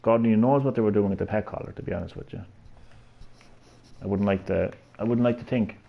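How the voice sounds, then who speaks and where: Gravelly and lowish, this Cork-accented man in his thirties from Ireland talks quickly during live gameplay commentary, joking around and talking to chat. The sound quality is lo-fi.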